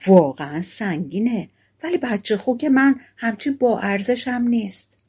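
A woman's voice: fairly high pitch, warm tone, slightly rough. A woman reading the part of a gullible, cheerful young peasant man in a storybook tale. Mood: eager. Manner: gullible, delighted exclamations.

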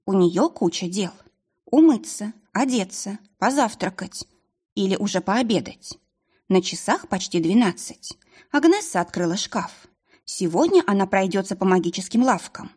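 A woman reading a fantasy audiobook in a measured, expressive storytelling manner. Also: medium pitch, husky. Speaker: audiobook narrator. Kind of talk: scripted audiobook narration.

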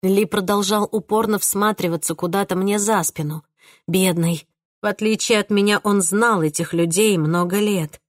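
A woman giving an emotional, expressive first-person audiobook reading. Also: mid-range voice, normal speed, dry recording, clean studio sound. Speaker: audiobook narrator.

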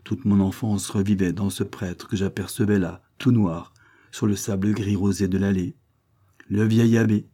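Husky deep-voiced man narrating. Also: steady tone, moderate pace, mellow. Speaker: audiobook reader. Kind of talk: scripted narration.

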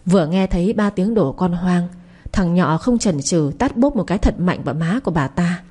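A woman narrating a dramatic story in a steady, scripted reading. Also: lowish voice, moderate pace, breathy edge.

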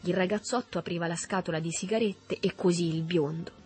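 A woman reading a literary novel aloud in a measured, even storytelling manner. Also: on the low side, faint music behind. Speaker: audiobook reader. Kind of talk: literary audiobook narration.

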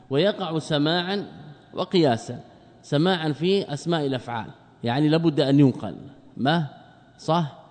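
A man's voice: medium pitch, darkish tone. A man teaching a classical grammar lesson, asking rhetorical questions and answering them himself, repeating key terms. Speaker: Islamic scholar teaching Arabic grammar. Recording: long hall reverb.

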